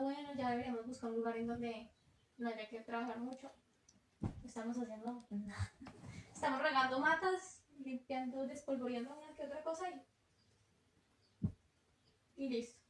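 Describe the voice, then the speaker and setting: She speaks at normal speed in a high, steady voice, leaving long pauses as she reflects on travel. A young woman with a Colombian Spanish accent, she vlogs in a chatty, casual way and laughs readily. The recording has room echo and faint noise.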